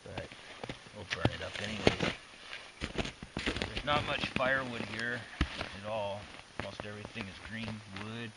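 A man's voice: on the low side, a little slow, long pauses. A middle-aged man talking plainly as he works at a winter campsite in a snowy forest, explaining each step on camera. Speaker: winter camper filming his trip. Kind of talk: casual outdoor narration. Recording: loud outdoor background noise.

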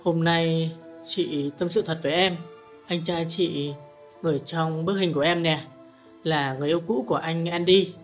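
A man's voice: on the high side, fairly even intonation, moderate pace, soft background music, natural voice. A man voicing a grieving young woman in an audiobook, an emotional older sister who pleads and confides with tearful insistence. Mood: confiding. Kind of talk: audiobook character voice.

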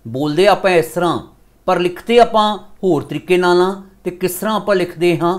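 A male school teacher with a Punjabi accent, slowly explaining a grammar lesson step by step, switching between two languages. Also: high voice.

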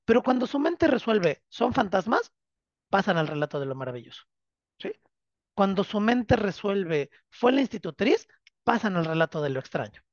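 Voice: mid-range voice, big pitch swings, moderate pace, no room sound. A literature teacher gives a class lecture, telling the story dramatically and often checking in with tag questions. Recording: dull, dry lo-fi recording.

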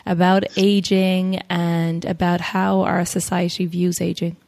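A woman's voice: fairly low pitch, flat delivery, a little slow, gravelly. Agreeable podcast host, woman in forties. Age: 40s. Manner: warm, agreeable, reflective. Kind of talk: casual conversation.

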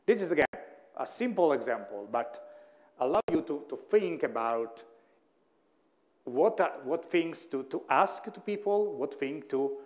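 A man's voice: fairly high pitch, very animated, unhurried. A man whose first language is Italian gives a university lecture, thinking aloud, correcting himself and often checking in with the class. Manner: thinking aloud, frequent "hmm?" checks with listeners, self-corrections.

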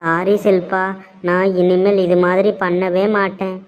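A woman voicing a guilt-ridden young man, low and dull-toned. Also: flat delivery, unhurried, clean tone, natural voice. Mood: pleading. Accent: Tirunelveli Tamil. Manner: pleading, theatrical. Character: remorseful young man, scheming, wavering son. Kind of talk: cartoon voice acting. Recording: dull lo-fi sound.

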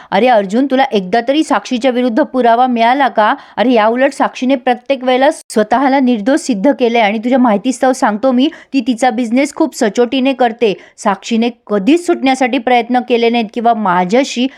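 Lady doing a young guy in love, standing his ground, a bit high. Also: fairly quick, few pauses, darkish tone, close to an everyday voice. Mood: defensive firm. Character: young man in love, defensive, firm.

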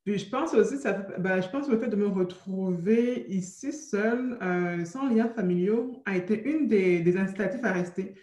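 Fast, halting woman on a video call. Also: mid-range voice, dark tone. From Cameroon, raised in France. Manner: quick, with many restarts and fillers. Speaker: guest entrepreneur. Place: room with a brick arch at home. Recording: roomy video call audio.

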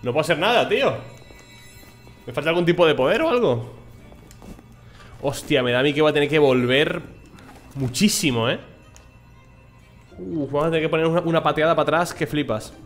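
A man's voice: a little high, brisk, long pauses, soft background music. A young man with a Spain Spanish accent chatting casually and swearing lightly as he plays through a game. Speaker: gameplay streamer. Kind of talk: casual let's play commentary.

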